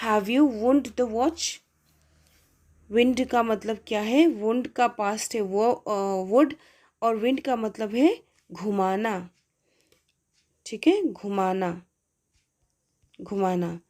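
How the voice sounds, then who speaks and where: A woman with an Indian accent teaching spoken English, reading English sentences slowly and explaining them in Hindi. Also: fairly high pitch, darkish tone.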